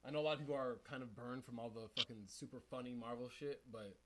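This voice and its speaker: A man's voice: mid-range voice, fast talker, low-quality recording. A young man co-hosting a podcast, reacting to movie trailers in a rambling, slangy casual chat. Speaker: podcast co-host.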